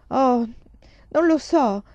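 A restless teenage girl at the end of her patience, as a woman reader puts her on, her voice pitched high and pushed loud. The pioneer-storybook daughter sounds cramped and frustrated. It comes through a warm, dull, dry recording. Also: expressive, drawn-out words, dry recording, full character voice. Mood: exasperated. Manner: high, loud, exasperated outbursts.

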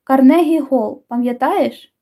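A woman's voice: sits high, measured pace. A woman voicing a brooding, tender teenage boy. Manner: soft-spoken, dry. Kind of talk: audiobook dialogue reading.

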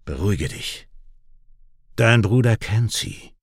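Steady peacemaker, soothing but firm, lively delivery, played by a man. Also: mid-range voice, unhurried, creaky, dry recording, clean studio sound, exaggerated voice. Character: steady older man, peacemaker between brothers. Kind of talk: audiobook character voice.

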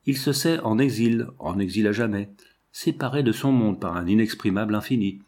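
A man's voice: fairly low pitch, moderate pace, darkish tone, natural voice. A man reading a wistful young woman. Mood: sorrowful.

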